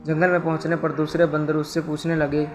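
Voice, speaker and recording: A man reading a folk tale aloud as a scripted storyteller, in a steady, even manner. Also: fairly high pitch, fairly quick, soft background music.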